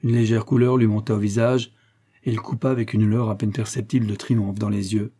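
A man reading an adventure novel aloud at a steady, measured pace. His voice is mellow and dark, with a husky grain. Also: fairly low pitch. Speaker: narrator. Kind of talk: audiobook narration.

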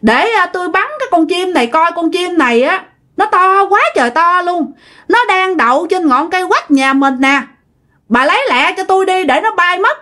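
A woman voicing an old great-grandfather, blunt and bold, who talks in a loud, calling way. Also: a little high, expressive, brisk. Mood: shouting, excited.

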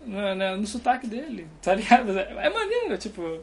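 In a relaxed, rambling chat from his dorm, a young Brazilian man with a Carioca accent laughs often as he talks. He's the guest, speaking in a high, very animated voice at a moderate pace.

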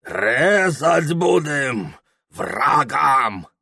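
A man reading aloud, voicing a drunken male reveler who yells slow, drawn-out boasts. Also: mid-range voice, very animated, vocal fry, breathy edge, dry recording, studio quality, pitched above the performer's own voice, full character voice. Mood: drunken rowdy. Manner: yelling, drawn out.

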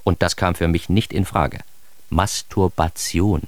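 A deep-voiced man, recorded dry, speaks at an unhurried pace with fairly even intonation. He is an actor in a radio drama playing an adult son who narrates his awkward adolescence with ironic, mock-formal, theatrical indignation, and the mood is wry and confessional.

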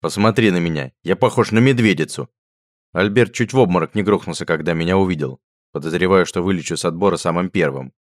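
A gruff male hunter, played by a narrator in his own low register, snappish and curt. Very deep voice, recorded close and dry. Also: quick pace, no room sound, lightly acted. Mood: irritated.

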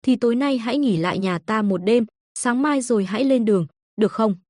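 A woman's voice: fairly high pitch, a little fast, darkish tone, no room sound, close to an everyday voice. Woman doing a shy sweet village girl, timid and hesitant, dry close sound.

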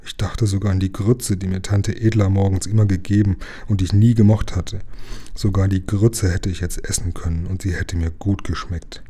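Husky-voiced man reading a story. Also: low voice, flat delivery, normal speed, mellow. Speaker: reader. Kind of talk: audiobook reading of a children's novel.

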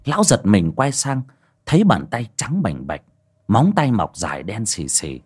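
A man narrating a horror story in a dramatic, animated manner. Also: fairly low pitch, unhurried, husky. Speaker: audiobook narrator.

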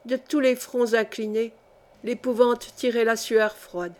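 A woman's voice: a little high, level tone, a little mellow. Woman reading a historical novel aloud. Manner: measured, dramatic reading. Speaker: audiobook reader. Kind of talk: scripted narration of a historical novel.

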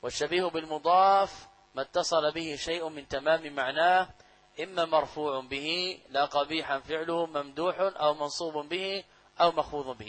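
A man's voice: a little high, a bit bright, poor audio. A middle-aged man giving a classroom lecture on grammar, repeating key phrases and asking and answering his own questions. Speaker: Islamic grammar teacher.

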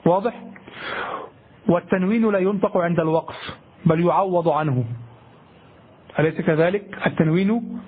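رجل يشرح النحو بصوت مبحوح عبر خط هاتفي. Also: male voice, sits high, slightly rough, phone-quality sound. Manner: explaining patiently, repeating points and checking with listeners; chants memorized verse. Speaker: grammar teacher. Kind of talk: classroom lecture.

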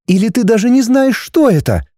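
An indignant, tart young woman, as a male reader puts her on in a storybook reading, her voice pushed well up and full of outrage. Her voice swings lively from line to line. It sounds dry and close, with no room around it. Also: fairly quick, dry recording. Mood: demanding. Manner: high, tart and exclaiming. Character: young woman heroine, modern, indignant and sharp-tongued.

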